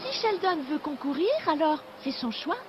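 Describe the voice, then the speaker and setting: A woman's voice: high-pitched, animated, normal speed, muffled recording, noisy background. A woman voicing a well-bred, exasperated young girl in a French cartoon dub. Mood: concerned. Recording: loud music behind.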